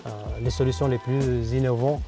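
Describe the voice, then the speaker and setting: A man answers questions about his trade. His tone is dark and mellow, earnest and a little halting, full of small fillers, with faint music underneath. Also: mid-range voice, level tone. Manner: earnest, hesitant with many fillers. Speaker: disinfection professional guest. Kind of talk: interview answers.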